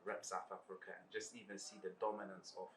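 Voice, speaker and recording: Fast, flat-toned Zambian radio host. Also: male voice, low voice, slight background noise. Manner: rapid, level delivery, asks long questions. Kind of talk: casual radio interview.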